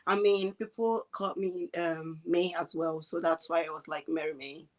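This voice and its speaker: Woman, 20s, from Ghana; lowish voice, relaxed, hesitant interview guest on a video call. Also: normal speed, a little hiss or hum. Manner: relaxed, hesitant, with many fillers and restarts. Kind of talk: casual interview chat.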